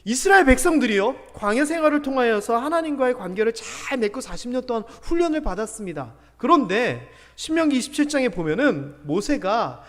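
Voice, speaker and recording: Male pastor, Gyeongsang accent, very high bright voice, emphatic sermon in a reverberant church hall, loud-to-hushed swings. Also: sing-song, fairly quick, hardly any pauses. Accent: Gyeongsang Korean. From Gyeongsang region, Korea. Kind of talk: Sunday morning sermon. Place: church sanctuary.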